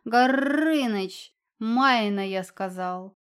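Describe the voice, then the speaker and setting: A woman's voice: a little high, fairly even intonation, slow. Female narrator voicing a brash male cat familiar, growling, bellowing, raised voice, storybook.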